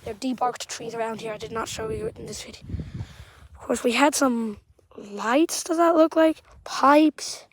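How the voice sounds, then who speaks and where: A woman with a Southern-sounding accent walking outdoors through storm damage, giving halting, rambling commentary that often trails off quietly. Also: a little high, crowd noise.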